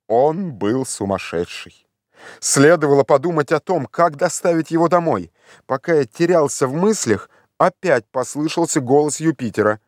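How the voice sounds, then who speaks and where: A man narrating an audiobook in a calm, measured storytelling voice. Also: medium pitch, no room sound, clean studio sound. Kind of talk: scripted narration.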